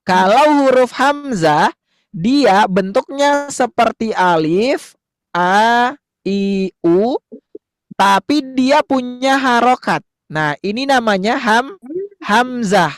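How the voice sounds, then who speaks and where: A man's voice: very high-pitched, fairly bright tone, no echo, clean studio sound. A man teaching young children to read Arabic letters, patiently repeating words and coaxing answers in call-and-response.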